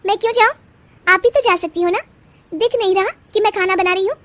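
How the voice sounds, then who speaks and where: A woman voicing a feisty young wife who answers back with sharp, sarcastic retorts in a storybook tale. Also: very high-pitched, a little fast, dry recording, voice pushed up. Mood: defiant. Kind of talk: storybook voice acting.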